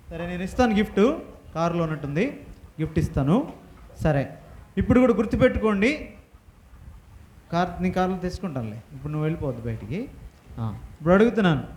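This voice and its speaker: A man teaching a Bible lesson to children, firing questions at the class and having them repeat answers loudly. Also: high voice. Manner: quizzing the class with rapid questions. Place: church hall with children. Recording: echoey hall.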